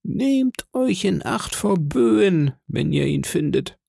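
A fatherly middle-aged doctor speaks with urgent earnestness, voiced by a male reader. The voice is raised and lively with a husky, gravelly grain. Storybook reading. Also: sits high, slow, dry recording, studio quality, voice pushed up, full character voice. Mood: earnest. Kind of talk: audiobook reading.

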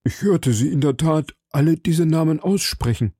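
A man voicing a timid, frightened shopkeeper who pleads anxiously in a raised, higher voice. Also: normal speed, warm tone, husky, dry recording, studio quality.

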